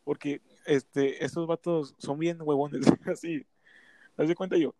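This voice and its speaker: A man's voice: on the high side, steady tone, a little slow, warm tone, dry recording. Joking young Mexican man, dry sound. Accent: Mexican Spanish. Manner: joking, teasing, laughs often. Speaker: podcast co-host. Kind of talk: casual podcast banter.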